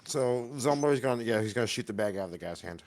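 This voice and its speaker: A man's voice: mid-range voice, animated, fast talker, darkish tone. A man casually describing his character's actions as a player in a tabletop game.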